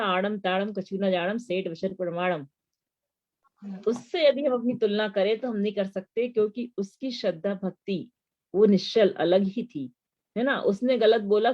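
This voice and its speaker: A woman's voice: mid-range voice, dark tone. Woman teaching mantras, lo-fi sound. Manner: explanatory, rhetorical questions. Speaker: religious teacher. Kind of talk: devotional lesson on mantras.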